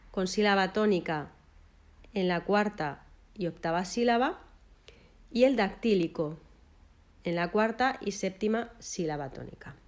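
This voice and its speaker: A woman explaining a literature lesson, listing technical terms one by one in a measured way with short pauses. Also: on the low side.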